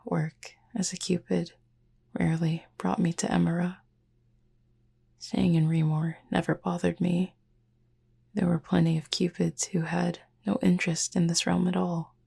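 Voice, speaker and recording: For a slow, soft-spoken sleep-aid roleplay, a woman plays a gentle, reserved cupid roommate, speaking formally in a breathy near-whisper with long pauses. Her voice is fairly low, flat, and exaggerated, carrying a wistful, fond mood.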